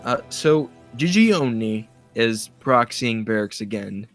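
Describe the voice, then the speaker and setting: A man's voice: medium pitch, animated, takes it slowly. A man casting a live strategy game match, chatting and explaining the plays. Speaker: esports caster. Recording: faint music behind.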